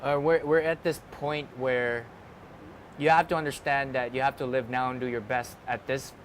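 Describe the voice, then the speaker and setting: A man's voice: medium pitch, flat delivery, normal speed, a little hiss or hum. A man interviewing a rapper in a casual, hesitant way, with plenty of fillers, outdoors. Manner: hesitant, friendly, full of fillers.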